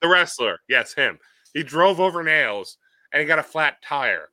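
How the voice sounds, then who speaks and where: A man's voice: fairly high pitch, expressive, moderate pace, sharp tone, no room sound. A man co-hosting a casual comedic chat, riffing and acting out silly voices in his stories.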